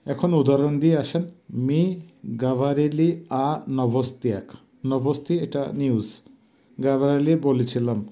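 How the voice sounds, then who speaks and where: A middle-aged man with a warm, mellow voice teaches a language lesson. He speaks patiently at a middling pitch, pausing often and slowly repeating each word for pronunciation. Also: steady tone. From Bangladesh.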